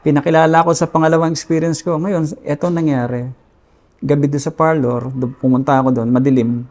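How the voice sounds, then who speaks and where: A Filipino man in his forties, his voice slightly high and darkish, speaks a little fast with a flat delivery. As an interview guest he candidly shares his personal story in a casual, confessional tone, reenacting remembered dialogue.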